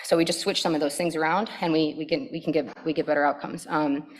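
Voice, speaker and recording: Woman, psychologist, conference talk for parents, energetic, conversational, slightly low voice. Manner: energetic, animated and quick to react; conversational, with frequent "right?" and "okay?" checks. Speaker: pediatric psychologist.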